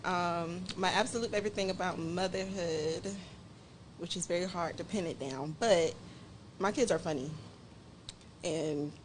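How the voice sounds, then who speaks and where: A woman's voice: on the low side, measured pace, long pauses, a little hiss or hum. A young woman, a photographer who is a guest on a podcast, talking in an easygoing, upbeat way. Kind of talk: casual chat.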